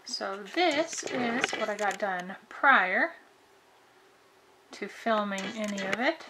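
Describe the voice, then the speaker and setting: Speaking slowly but expressively in a medium-pitched voice, a thirty-something vlogger cheerfully walks viewers through her camper renovation from inside the little trailer, proudly pointing things out. The background is noisy.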